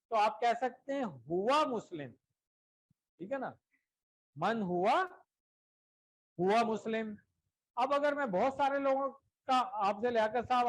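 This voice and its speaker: High-pitched encouraging male classroom teacher. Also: low-quality recording. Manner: encouraging, repeats "theek hai" checks often. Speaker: Arabic teacher. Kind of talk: classroom lesson.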